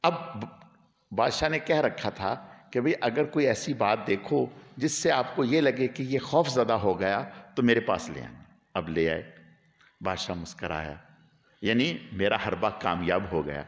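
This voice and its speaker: A man preaching a weekly sermon, telling a story with animated swings between quiet narration and emotional peaks. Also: on the low side. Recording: long hall reverb.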